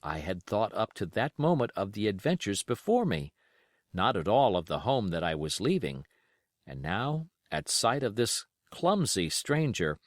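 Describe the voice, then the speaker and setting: With a middle-pitched voice, a male narrator reads classic adventure fiction as an audiobook, his pacing measured and his expression animated, rising and falling. There is no room sound at all; it's completely dry.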